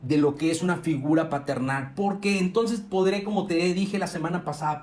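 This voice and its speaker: A middle-aged man from Mexico preaching a youth sermon, earnest, rising and slowing down to stress his points. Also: a little high. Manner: earnest, rises and slows for emphasis, frequent self-corrections. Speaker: youth pastor. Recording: echoey room.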